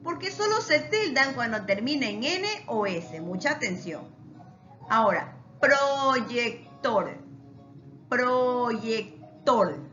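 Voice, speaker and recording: A woman teaching a recorded lesson to her students, speaking slowly and with emphasis, and asking questions that she then answers herself. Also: fairly high pitch, big pitch swings, bright, forceful tone, muffled recording, soft background music. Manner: slow, emphatic, asks rhetorical questions and answers them.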